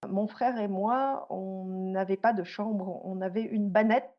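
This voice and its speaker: A Swiss-born woman telling her life story as a podcast guest, pausing often with fillers and restarts. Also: medium pitch, fairly even intonation, dull audio. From Switzerland. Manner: hesitant, many fillers and restarts. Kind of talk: conversational interview storytelling.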